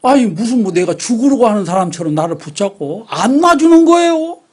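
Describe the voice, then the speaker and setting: A man in his sixties from Namwon with a Jeolla dialect accent, a pastor preaching a Sunday sermon and telling his own testimony in an animated storytelling way. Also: high-pitched, fairly quick, slightly rough. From Namwon, South Korea. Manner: animated storyteller who acts out his own past outbursts.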